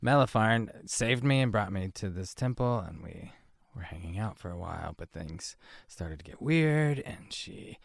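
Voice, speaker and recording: A man's voice: fairly low pitch, expressive, unhurried, creaky, no echo, clean studio sound. A man playing a tabletop game who talks in character in a laid-back, drawling way. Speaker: player. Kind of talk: in-character roleplay.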